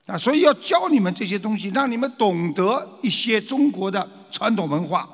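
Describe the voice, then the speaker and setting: In a large hall, a man lectures an audience on traditional culture, animated and full of rhetorical questions, occasionally acting out frightened voices. His voice sits high and husky, at a moderate pace.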